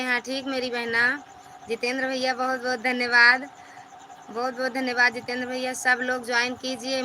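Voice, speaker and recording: A woman's voice: high voice, sharp tone, slight background noise. A woman, hosting a live stream and chattily reading out and thanking viewers' comments by name.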